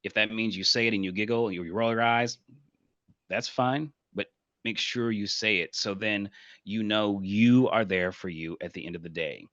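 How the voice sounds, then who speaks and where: Male guest, low-ish bright voice, dry dull lo-fi sound, earnest reflective delivery. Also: moderate pace, dry recording. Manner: earnest, reflective, repeats affirmations softly. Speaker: guest speaker and performer. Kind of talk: casual podcast conversation.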